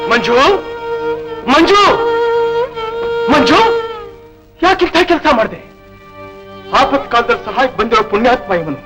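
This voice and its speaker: Devout, earnest potter. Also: male voice, extremely high pitch, big pitch swings, unhurried, long pauses, over music, heavily acted, poor audio. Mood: reproachful. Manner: earnest, heartfelt scolding. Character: devout pious male potter, gentle and earnest. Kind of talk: 1970s Indian film drama.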